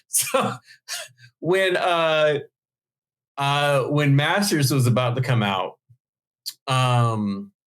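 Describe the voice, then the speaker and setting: A man's voice: medium pitch, fairly bright tone. A man, a comic book writer, chatting on a podcast and telling long, rambling stories full of fillers and restarts. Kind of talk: casual podcast chat.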